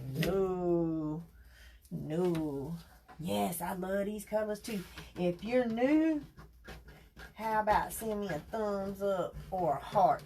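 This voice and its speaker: A woman, chatting casually with her viewers as she hosts a crafting livestream. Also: medium pitch. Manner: chatty, talks to viewers directly and folksy. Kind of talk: casual live chat while crafting.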